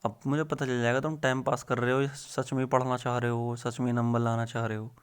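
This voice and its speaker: A man's voice: mid-range voice, little pitch movement, fairly quick, clear, resonant tone. Chatty rustic teacher man. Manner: rustic, chatty, calls viewers brother and friend. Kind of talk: casual exam-tips lesson.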